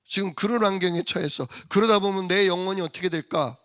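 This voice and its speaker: A male pastor in full sermon flow, his voice sitting a touch higher than most men's. He preaches with fervor and acts out the voices of mockers and grieving church members. His delivery climbs high and then drops low. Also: fast, a bit bright, clear, resonant tone. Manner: impassioned preaching, acting out mockers and church members, rising and dropping sharply.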